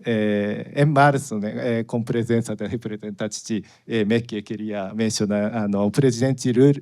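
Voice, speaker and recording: A man from Japan, a native Japanese speaker with a Japanese accent, giving a formal, halting speech from notes as a guest diplomat. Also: lowish voice, fairly even intonation, a little mellow. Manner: formal, halting, frequent "né" tags.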